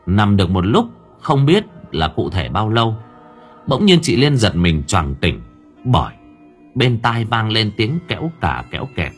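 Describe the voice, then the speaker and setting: A man narrating a story with lively, expressive storytelling. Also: on the low side, a little slow, soft background music. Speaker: audiobook narrator.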